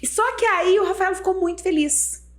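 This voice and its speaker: A woman in her thirties, a mother, chatting casually on a podcast in a confiding way, with soft asides. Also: very high voice, normal speed. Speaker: podcast guest, mother of one. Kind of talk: casual chat.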